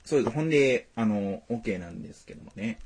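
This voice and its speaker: Husky fast-talking man with a Tosa accent. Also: fairly low pitch, lively intonation, a little mellow. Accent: Tosa (Kochi) Japanese. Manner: jokey, laughs often, playfully formal asides. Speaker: podcast co-host. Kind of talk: casual chat.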